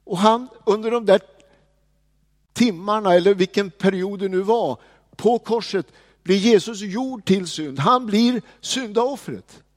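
A man preaching a sermon, dropping to hushed, slow words and then rising to loud, proclaiming lines. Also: high-pitched. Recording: long hall reverb.

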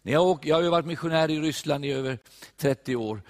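An older man from Sweden preaching a sermon, animated and emphatic, recorded in a church. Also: a little high. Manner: animated, rising to emphatic peaks. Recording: long church reverb.

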